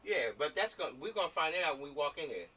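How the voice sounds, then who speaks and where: Heard through distant-sounding video call audio, this American man organizes a film production and leads a relaxed online meeting where he gives directions and says things twice. He talks quickly in a slightly high, husky voice with lively intonation and a bright, forceful tone.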